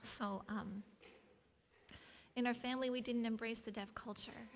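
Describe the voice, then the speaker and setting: In an echoing hall with faint background noise, a woman shares an off-the-cuff memorial tribute. Her fairly high voice has a lot of fry, and she pauses hesitantly as she goes. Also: steady tone. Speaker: guest sharing a memory at a memorial. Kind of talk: unprepared personal tribute. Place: large echoey room at a gathering.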